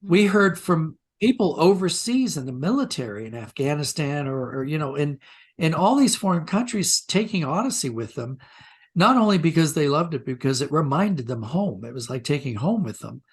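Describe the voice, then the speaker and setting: A man being interviewed as a writer speaks at normal speed in a slightly high, slightly rough voice with big pitch swings. In this conversational interview he tells stories reflectively and discursively, often rephrasing mid-sentence.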